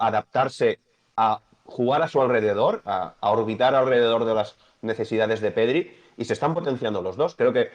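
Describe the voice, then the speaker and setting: A man with a Spanish accent, a football pundit talking in a measured, thoughtful way on a sports talk show. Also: fairly low pitch. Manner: measured, thoughtful, builds points slowly. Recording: dull lo-fi sound.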